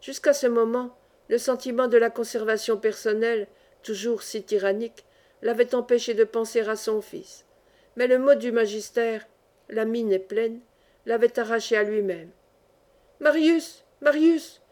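A woman narrating a classic novel as an audiobook reader, in measured storytelling. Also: on the high side, steady tone, a little mellow. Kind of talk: reading a classic novel aloud.

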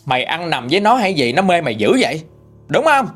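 A man's voice: high voice, huge pitch swings, unhurried, a bit bright, soft background music, voice pushed up, heavily acted. A man voicing a spiteful, jealous middle-aged woman who screams accusing insults. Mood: screaming abuse.

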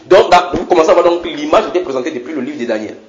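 A man teaching a sermon in a fairly high voice, full of repetitions and questions put to his listeners. The recording is dull and lo-fi, with a roomy church echo and a faint hiss. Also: very fast, a crowd in the background. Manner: animated, repeats words, asks the congregation questions. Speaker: preacher.

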